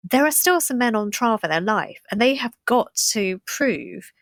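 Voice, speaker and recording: A woman co-hosting a history podcast, telling the story in a lively, animated way with frequent restarts. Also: on the high side, measured pace, no room sound. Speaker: podcast co-host.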